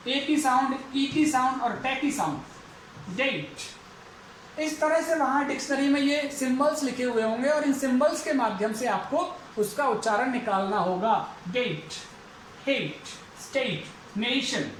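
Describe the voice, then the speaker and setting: A male English lecturer giving a phonetics lesson for exam students, who repeats each example word slowly several times. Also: extremely high pitch. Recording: echoey room, faint background noise.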